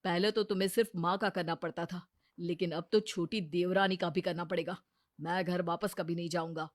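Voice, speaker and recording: A woman voicing a protective young husband who firmly refuses to return home, speaking lower and quieter than her usual voice. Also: steady tone, a little fast, no room sound, clean studio sound, close to an everyday voice. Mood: resolute. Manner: firm, resolute refusal.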